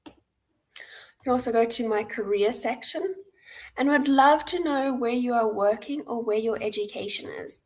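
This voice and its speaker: This is a hackathon host and presenter with a South African accent, walking viewers through a platform live on a webcam stream from indoors. Her fairly high voice explains each step informally, and the low-quality recording carries a little hiss or hum.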